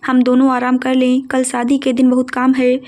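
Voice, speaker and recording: A woman's voice: sits high, monotone, moderate pace, a little mellow, natural voice. A woman reading a stern aging father. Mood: weary. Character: stern aging father, wealthy grain merchant.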